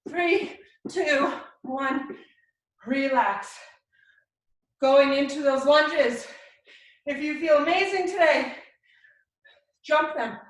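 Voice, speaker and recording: High-voiced woman fitness coach, echoey room. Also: drawn-out words, pauses often. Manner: encouraging, instructive, short cues. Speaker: fitness instructor leading a workout class. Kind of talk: live workout coaching, counting down reps. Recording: very echoey room, distant mic.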